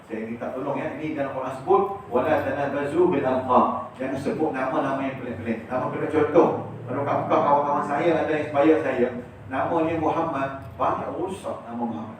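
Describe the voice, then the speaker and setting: Male preacher, quick-talking, fairly high voice, booming mosque reverb, distant PA. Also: steady tone, slight background noise. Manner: playful storytelling, then fervent chanted supplication. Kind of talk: mosque lecture and prayer. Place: large mosque prayer hall. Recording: echoey mosque hall from far off.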